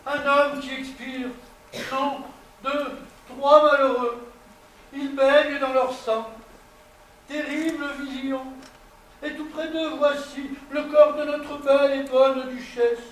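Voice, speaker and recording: A horrified witness lamenting in tragic verse. The delivery is slow, solemn and florid in a very high voice, heard from a distance in a strongly echoing room. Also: male voice, flat delivery. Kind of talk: theatrical verse declamation. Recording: very echoey, distant, faint noise.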